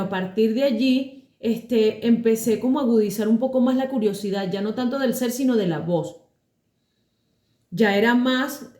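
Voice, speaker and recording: A Venezuelan woman with a deep chest voice, calmly telling a personal story as a voice teacher, unhurried and pausing often. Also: echoey room. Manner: calm, unhurried, with many pauses and fillers.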